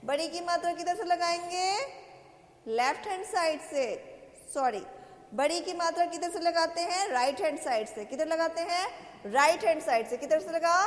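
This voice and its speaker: High-voiced teacher in an echoey room. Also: female voice, normal speed. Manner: asks questions and answers them herself, drawing out vowels. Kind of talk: kindergarten language lesson. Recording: echoey roomy sound with long reverb.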